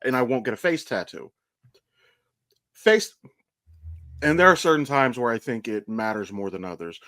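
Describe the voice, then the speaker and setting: Speaking at normal speed with a medium pitch and a bright, forceful tone, an American man in his thirties from Ohio hosts a casual podcast. He talks candidly, rambles through stories, and swears plenty, in a dry, clean studio recording.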